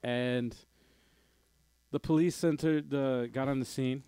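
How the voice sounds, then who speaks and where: A man with a medium-pitched voice in a dry, close recording. He relays news as a podcast co-host, loosely and hesitantly, swearing freely like someone chatting with friends. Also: fairly even intonation, slow pace, warm tone, clear, resonant tone, no room sound. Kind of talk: casual, profane news chat.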